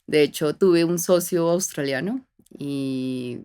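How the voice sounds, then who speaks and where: Low-voiced Colombian woman, reflective. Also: slow, smooth. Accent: Colombian, Bogotá. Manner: reflective, warm storytelling with frequent fillers and restarts. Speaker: guest. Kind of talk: casual conversational interview.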